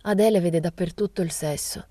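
A woman's voice: on the low side, fairly quick, dark tone, no echo, close to an everyday voice. A woman voicing a languid young woman who talks with sneering scorn. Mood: mocking. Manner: sneering, drawling.

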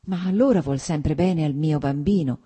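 A woman reading aloud and voicing a guilt-ridden, self-pitying husband, plaintive and fretful, in a husky, dark voice. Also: low voice, normal speed.

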